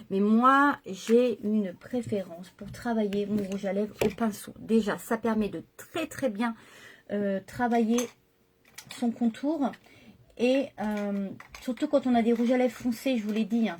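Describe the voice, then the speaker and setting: A woman's voice: medium pitch, darkish tone, a little hiss or hum. A middle-aged woman chatting casually through a makeup tutorial at home, hesitating and correcting herself as she goes. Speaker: makeup vlogger.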